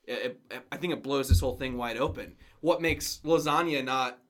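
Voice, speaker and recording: A man's voice: medium pitch, moderate pace, a bit bright, a little hiss or hum. A man co-hosting a podcast in casual chat, probing with questions and restarting his phrases. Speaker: podcast co-host.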